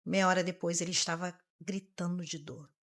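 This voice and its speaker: Gravelly-voiced woman sharing painful testimony. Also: on the low side, fairly even intonation, fairly bright tone. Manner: earnest, halting, repeats phrases. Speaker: podcast guest, massage therapist and mother. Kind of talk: emotional personal testimony.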